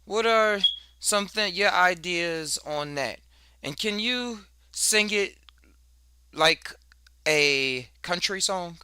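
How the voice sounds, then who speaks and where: A man's voice: sits high, animated, slow pace, pushed and bright, smooth, no room sound, studio quality. A man streaming live, chatting casually with an AI and hesitantly thinking aloud.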